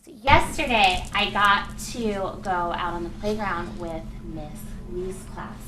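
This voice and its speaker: A woman teaching a kindergarten reading lesson, talking simply and expressively as if reading to a toddler, with deliberate pauses as she thinks aloud. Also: lowish voice. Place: classroom with young children. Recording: distant mic, echoey room, loud background noise.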